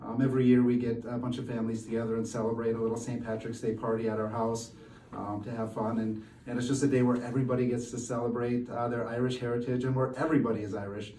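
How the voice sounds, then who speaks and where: A man's voice: mid-range voice, flat delivery, quick pace, dark tone, slight background noise. A man chatting casually as a guest, hesitant with many fillers and restarts. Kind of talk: casual chat. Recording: echoey room from far off.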